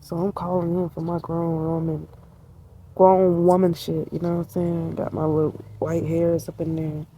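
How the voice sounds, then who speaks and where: A woman in her twenties talks casually from a seat in a tree outside, a faint hum of open air around her. Her voice is dark and gravelly with a lot of fry. She sounds relaxed and reflective, drops slang, leans spiritual and laughs easily. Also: on the low side, normal speed, poor audio. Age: 20s. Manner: laid-back, spiritual, slangy, laughs often. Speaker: vlogger. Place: outdoors, sitting on a tree.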